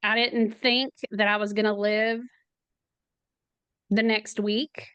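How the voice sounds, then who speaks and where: A middle-aged woman, a podcast guest, speaking in a slow, halting, emotional way, near tears at times. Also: medium pitch, flat delivery, fairly bright tone, clear, resonant tone, dry recording, highs cut off. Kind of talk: podcast interview.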